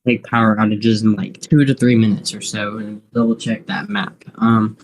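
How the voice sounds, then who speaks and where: A man hosting an unscripted live weather stream, thinking aloud in a halting, repetitive way. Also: fairly low pitch, little pitch movement, a little hiss or hum.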